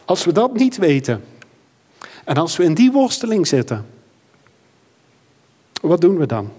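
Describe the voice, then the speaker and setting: A man's voice: on the high side, sing-song, a little slow, mellow, breathy edge, big-room sound. A man preaching a sermon and leading prayer in a church, earnest and building to fervent emphasis. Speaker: pastor.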